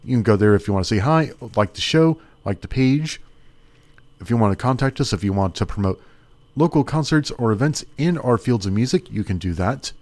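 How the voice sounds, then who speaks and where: A man's voice: fairly low pitch, lively intonation, brisk, darkish tone. A man hosting a small radio music show, chatting casually and rambling as he thinks aloud. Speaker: radio host.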